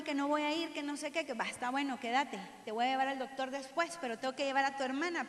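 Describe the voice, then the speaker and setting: High-voiced Guatemalan woman preaching in a hall. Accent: Guatemalan Spanish. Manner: storytelling, animated, acts out the dialogue. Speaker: pastor. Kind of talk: sermon. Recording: echoey hall.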